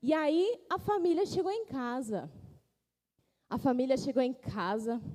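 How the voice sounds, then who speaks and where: A woman, telling an animated story to children as their teacher in a church. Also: sits high, a little slow. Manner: animated, pointing things out. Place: church hall. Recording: echoey church hall.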